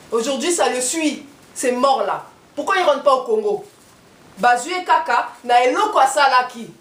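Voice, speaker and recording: Heard through a distant mic in a reverberant space with faint hiss or hum, this woman speaks at a high pitch with a slightly bright tone. She's an activist giving a fervent political and spiritual speech, hammering her points through repetition and rhetorical questions.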